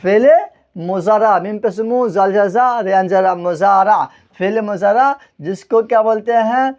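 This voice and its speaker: The recording is dull, and the man's voice is high-pitched with a darkish tone. He teaches Urdu grammar at a board, constantly asking the class questions he then answers and spelling words letter by letter.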